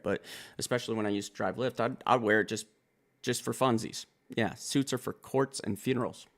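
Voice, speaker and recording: A man's voice: fairly low pitch, vocal fry. A man reviewing a rap album in casual, profane commentary, calling himself a country boy as he breaks down the lyrics. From Wisconsin. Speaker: music reaction reviewer.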